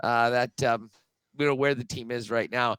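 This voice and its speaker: A sports betting podcast co-host joins as a remote guest on a video call for casual betting talk. His mid-range voice is fairly bright and clean, with fairly even intonation, normal speed, and no echo. He's chatty and loose, with frequent um and uh.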